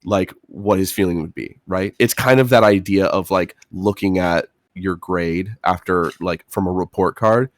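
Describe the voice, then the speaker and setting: A man talking casually as a player in a tabletop role-playing game, explaining things thoughtfully and haltingly. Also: deep voice, no room sound, clean studio sound.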